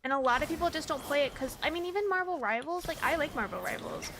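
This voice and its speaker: A Midwestern American woman streams a game and chats in a rambling, filler-filled way, laughing often. Her high-pitched voice is animated and fast, over a noisy background with game music.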